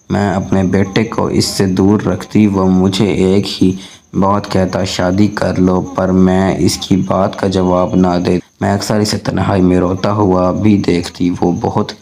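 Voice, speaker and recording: Male storyteller, very deep and flat, slow solemn scripted reading of an emotional story. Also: creaky. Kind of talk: scripted first-person story narration.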